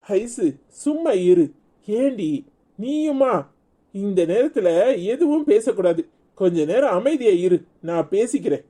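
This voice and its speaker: A woman's voice: fairly high pitch, expressive, measured pace, dark tone. A woman voicing a weary, exasperated husband in a cartoon, scolding and fed up, with a Tirunelveli Tamil accent.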